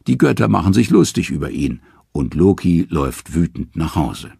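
Deep, gravelly man narrating an audiobook expressively, dry and close. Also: sing-song, moderate pace, dark tone, dry recording.

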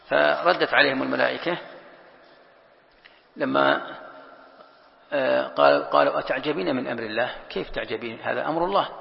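A man's voice: on the high side, gravelly. A man teaching a Quran commentary lesson as sheikh. He reads a line of text, then explains it and poses rhetorical questions. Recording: echoey hall, dull lo-fi sound.

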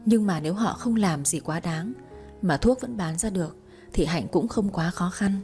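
A woman calmly narrating a romance story in an even storytelling manner. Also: lowish voice, moderate pace, faint music behind.

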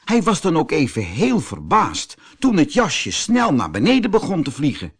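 A man from the Netherlands reading a children's fairy tale aloud as a storyteller, lively and expressive. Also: fairly high pitch, moderate pace, breathy edge. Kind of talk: audiobook fairy tale narration.

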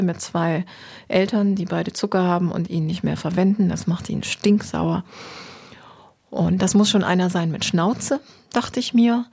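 Rauchig-knarzige Regisseurin im Interview. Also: female voice, fairly low pitch, dark tone. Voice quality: creaky, husky. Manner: reflective, thoughtful. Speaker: radio drama director.

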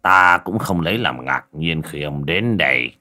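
A man voicing a calm, calculating old sage in an audiobook, speaking in a cold, measured, steely way. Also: very deep voice, faint music behind, voice pushed down, exaggerated voice.

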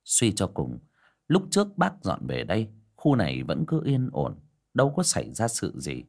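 Husky male storyteller, very lively pitch, dramatic ghost tale. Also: moderate pace. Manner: expressive, swooping delivery.

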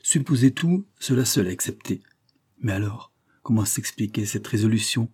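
A man's voice: lowish voice, lively intonation, moderate pace, a little mellow, husky. A man reading an audiobook, voicing an anguished young man in love who pleads in agitated outbursts. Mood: distraught.

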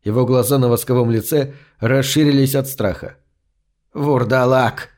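A man's voice: medium pitch, brisk, warm tone. Man reading a sci-fi story aloud. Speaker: narrator. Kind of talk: audiobook narration.

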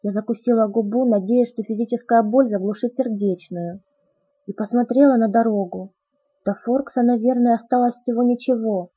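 A woman reading a novel aloud as first-person narration in a steady, soft storytelling manner. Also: on the high side, moderate pace, husky, dry recording. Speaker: audiobook narrator. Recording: tinny phone-like audio.

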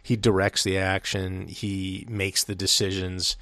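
A man's voice: sits low, completely flat delivery, unhurried, fairly bright tone, dry recording. A man co-hosting a casual film chat, blunt and opinionated, with some swearing. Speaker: podcast co-host.

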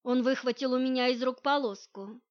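Woman, audiobook narrator, first-person story, steady even read, higher pitch, dull lo-fi recording. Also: moderate pace.

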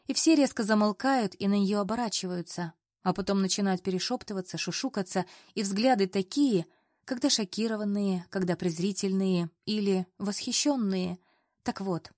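A woman's voice: mid-range voice, darkish tone, no room sound. Woman narrating a story, dry sound. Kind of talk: first-person audiobook narration.

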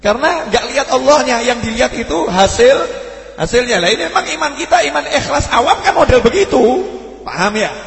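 Male preacher, Javanese accent, animated sermon voice, roomy echo. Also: extremely high pitch, fairly quick, creaky. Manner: animated, asks the audience questions; mixes in Javanese phrases. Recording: echoey hall with long reverb.

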